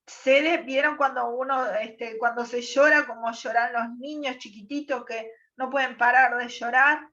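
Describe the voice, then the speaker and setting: A woman's voice: fairly high pitch, fairly even intonation, normal speed, few pauses, pushed and bright, distant mic, muffled recording. A woman teacher, patiently explaining a text to a class and checking in with short questions. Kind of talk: online class lesson.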